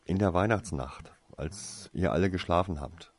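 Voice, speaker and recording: A man's voice: low voice, moderate pace, breathy edge. A man voicing a cautious, secretive young wizard boy in a fantasy storybook, speaking in a hesitant, guarded way.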